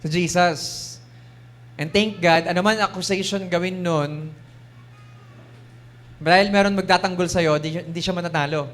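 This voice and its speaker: Filipino guy preaching, chatty taglish style, kinda higher voice, acts out the devil talking. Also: steady tone, moderate pace, long pauses, a bit bright. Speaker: bishop preaching. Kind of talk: sermon.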